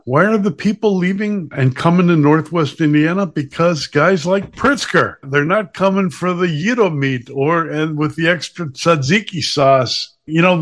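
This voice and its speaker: Male podcast host from Chicago, a touch high-pitched, sarcastic and combative, reads ads then rants. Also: fairly bright tone. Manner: sarcastic, combative, slips into mocking voices. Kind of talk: opinionated podcast monologue with sponsor reads.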